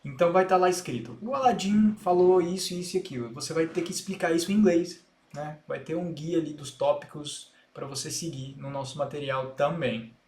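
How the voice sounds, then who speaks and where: Male Brazilian English teacher, patient step-by-step explainer, somewhat high pitch, echoey room. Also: brisk, few pauses, darkish tone. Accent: Brazilian Portuguese. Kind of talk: explanatory online lesson.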